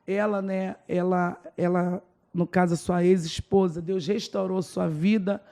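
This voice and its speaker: Brazilian woman pastor as podcast guest, gravelly voice, emotional storyteller. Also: lowish voice, level tone, unhurried, dark tone. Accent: Brazilian Portuguese. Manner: emotional storytelling, acts out dialogue. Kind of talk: personal testimony in a podcast interview.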